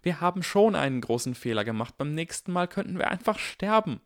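An anxious, earnest young schoolgirl witch, as a male audiobook reader puts her on, with a voice pushed high and thin. She sounds worried and pleading, and talks faster when upset. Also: sing-song, darkish tone. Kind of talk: audiobook character voice.

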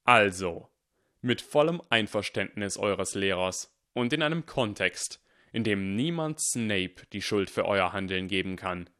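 A man voicing a stern, cunning male teacher who speaks calmly, deliberately and firmly. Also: on the low side. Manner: calm, deliberate and firm.

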